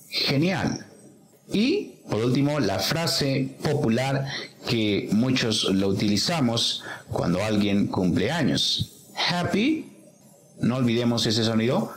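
Patient, slow-speaking male teacher. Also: mid-range voice, low-quality recording. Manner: patient, step-by-step explaining. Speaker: English teacher. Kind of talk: explanatory online lesson.

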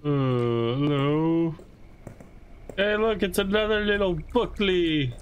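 A man's voice: takes it slowly, muffled recording, a little hiss or hum. A man commenting as he plays a horror game, reading lines aloud, talking to the monsters and yelping when scared. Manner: jittery, rambling, jumps to high-pitched yelps when scared. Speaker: gaming channel host.

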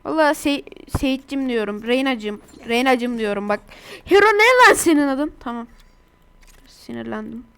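A woman talks over her gameplay in a high, bright-toned voice. She chats casually and gets excitable, often breaking into exasperated outbursts. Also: moderate pace, clear, resonant tone. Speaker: gaming YouTuber.

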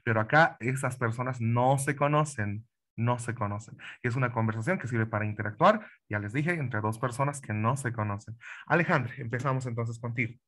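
A man's voice: mid-range voice, brisk, a bit bright. A man leads an online English lesson, patient and repetitive, often asking his students whether they follow. His voice sits in a middle register and comes through a video call. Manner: patient, repeats phrases, asks students questions. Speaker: English teacher. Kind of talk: online class instruction.

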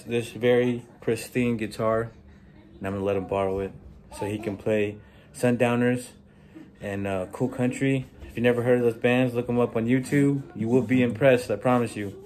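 A man chatting casually in an easygoing, storytelling way for his vlog. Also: mid-range voice. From Texas, US. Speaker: barber and vlogger. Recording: loud background noise, traffic.

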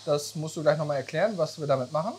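A man's voice: fairly high pitch, rapid-fire, a little mellow, slightly rough. A man in his forties, a chef hosting a cooking video, chatting and joking while asking many questions, recorded in a large indoor professional kitchen on a lapel mic. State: sweating from spicy food. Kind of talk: casual cooking chat. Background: background music and sizzling pan.

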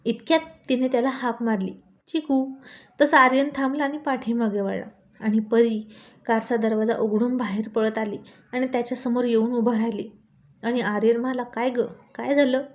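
A woman narrating a romantic story in a lively, expressive reading. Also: fairly high pitch, normal speed.

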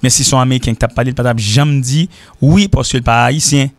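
A man's voice: mid-range voice, no echo. Haitian man teaching, dry close sound. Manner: repeats example sentences slowly, switching between French and Creole. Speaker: English teacher. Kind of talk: informal language lesson.

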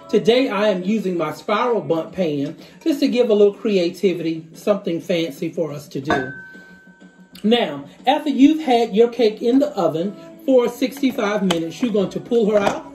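Middle-aged male home-cooking host, mellow tone, instructive and savoring, faint music behind. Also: sits high. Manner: instructive, repeats key steps, savoring exclamations. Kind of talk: recipe demonstration. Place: home kitchen, indoors, small.

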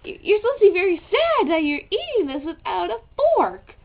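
A woman's voice: very high voice, big pitch swings, brisk, heavily acted. A woman playing an over-eager, easily flustered infomercial host in a gushing, stammering hard-sell parody. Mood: indignant. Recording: dull lo-fi home video sound.

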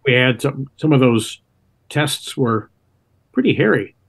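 A man in his seventies with an American accent, a retired Navy pilot reminiscing plainly and haltingly on a video call. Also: medium pitch, animated, creaky, slightly rough. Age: 70s. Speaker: interview guest, retired Navy test pilot. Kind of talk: reminiscing in conversation. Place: home room indoors. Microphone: video call, computer microphone.

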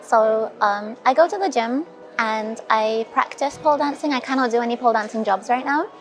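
Speaking at normal speed in a high-leaning voice, a woman in her twenties with Caribbean and later English roots gives a casual, candid interview over afternoon tea. The rough recording comes from a small recorder or phone close across the table in a spacious indoor hotel lounge restaurant.

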